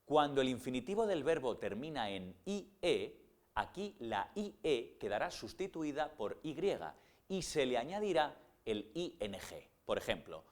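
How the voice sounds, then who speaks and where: A man reads a scripted grammar lesson and walks through each rule step by step. His voice moves a lot in pitch and rises and falls as he teaches. He slows down for the example words and spells some of them out. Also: big pitch swings, darkish tone. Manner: explains rules step by step, with slow spelled-out English example words.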